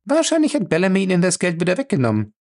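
A man voicing a calm, firm young woman in an audiobook who speaks with cool sarcasm. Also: high-pitched, very fast, pitched above the performer's own voice, full character voice. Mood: cool ironic.

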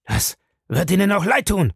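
A man's voice: fairly high pitch, normal speed, gravelly, no echo, studio quality, pitched above the performer's own voice. A man reading an audiobook, voicing a bitter, agitated old man with a grey beard. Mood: furious.

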